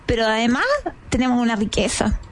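Chilean woman guest, earnest and persuasive, slightly high voice. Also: little pitch movement, fairly quick. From southern Chile, Biobío region. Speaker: guest, ministry official. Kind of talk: conversational panel talk.

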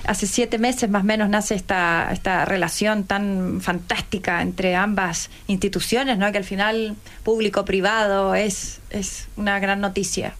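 A woman hosting a live interview in a mid-pitched voice. She keeps the conversation moving with prompting questions and frequent short affirmations. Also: fairly even intonation, a little slow, few pauses. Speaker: interviewer host.

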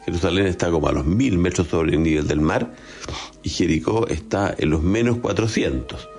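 A man's voice: low-pitched, normal speed, a little mellow, soft background music. A man with a Chilean accent giving a conversational homily, often tagging his points with short questions. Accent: Chilean Spanish. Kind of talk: homily on a gospel passage.

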